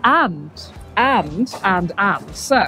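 A woman's voice: mid-range voice, animated, drawn-out words, creaky, over music. A woman co-hosting a food vlog, chatting casually and gushing with delighted exclamations as she tastes. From United Kingdom. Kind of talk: casual chat while tasting food.

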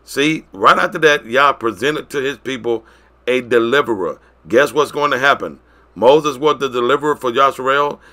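A man preaches to his congregation in a bright, forceful tone. He pushes some lines out loud and lets others fall quiet and drawn out. His pitch sits in the middle range for a man. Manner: preaching, swinging between loud declarations and quiet drawn-out phrases. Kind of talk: sermon.

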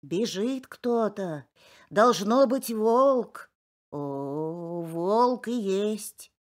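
A woman voicing a creaking old pine tree, a grandmotherly figure who groans slowly in a storybook tale. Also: mid-range voice, lively intonation. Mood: groaning. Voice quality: groaning, slow drawn-out.

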